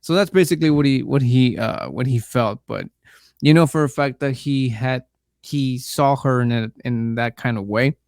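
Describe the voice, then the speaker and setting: A man hosting a podcast, casually recapping a horror film in a rambling, halting way, full of fillers, restarts and the odd swear word. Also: medium pitch, gravelly, darkish tone, dry recording, studio quality. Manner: profane, laid-back. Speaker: podcast host reviewing a film.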